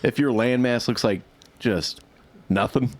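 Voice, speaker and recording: A man's voice: medium pitch, a little slow. A young man co-hosting a comedy podcast, rambling in casual chat and often laughing through his words. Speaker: podcast co-host.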